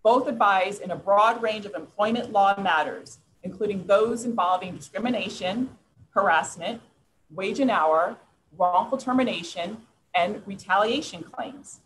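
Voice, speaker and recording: A woman's voice: mid-range voice, measured pace, a bit bright, poor audio. A woman with a Brooklyn accent moderating a webinar and putting questions to guests. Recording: clear background noise.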